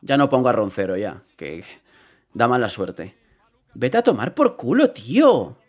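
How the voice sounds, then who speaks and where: Excitable man reacting to football. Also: mid-range voice, measured pace. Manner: excitable, swearing, repeats phrases. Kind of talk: live reaction commentary.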